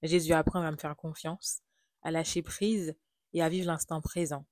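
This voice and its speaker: A woman's voice: sits low, little pitch movement, moderate pace, no echo, clean studio sound. A woman from Haiti with a French accent, telling a personal travel story in a confiding, reflective way. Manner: confiding, reflective, softly spoken. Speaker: vlogger.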